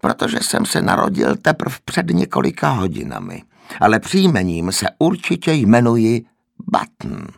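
A man's voice: fairly low pitch, wildly swooping pitch, gravelly, no echo, studio quality, voice pushed up, exaggerated voice. A man voicing a grumpy, wheezing old man with a cracked, aged voice who complains peevishly. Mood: grumbling.

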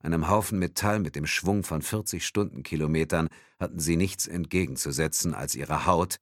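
A man narrating a thriller audiobook in a dramatic, expressive reading. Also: very deep voice, normal speed, dry recording, studio quality.

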